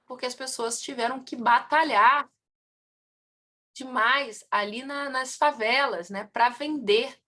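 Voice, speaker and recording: A woman teaches a class on family constellation, posing questions to her students and then answering them herself. Her voice sits high and her pace is slow, yet she stays lively, with her loudness and speed swinging up and down.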